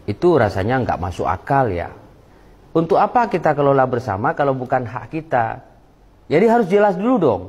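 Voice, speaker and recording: A senator making an argumentative statement, asking pointed questions. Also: male voice, medium pitch, very animated, fairly quick, a little mellow, husky, in a large hall. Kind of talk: interview statement.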